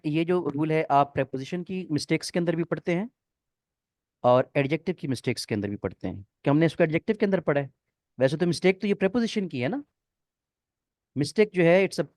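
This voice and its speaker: A man's voice: on the high side, a little mellow, no echo. Man teaching grammar, dry sound. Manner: explains step by step, checks often if students follow. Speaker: English teacher. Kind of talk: online class explanation.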